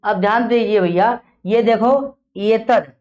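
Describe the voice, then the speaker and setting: A man's voice: high voice, fairly even intonation, a little slow. A male teacher giving a grammar lesson in a classroom, quizzing his students by asking the same questions again and again. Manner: drills students with repeated questions. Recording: dull lo-fi recording.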